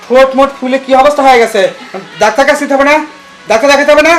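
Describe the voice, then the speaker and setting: A man's voice: extremely high pitch, steady tone, very fast. A man plays a worried father and husband who questions and scolds reproachfully. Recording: echoey room, mic at a distance, music underneath.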